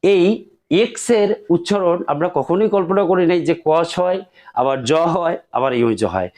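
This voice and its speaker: A man's voice: sits high, expressive, moderate pace, a little mellow. A man teaching English pronunciation rules, speaking carefully and repeating each example word. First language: Bengali.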